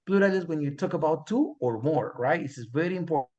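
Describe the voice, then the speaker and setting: A man teaching an English class in Spanish and English, repeating example sentences slowly for his students. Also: fairly high pitch, animated, darkish tone, highs cut off.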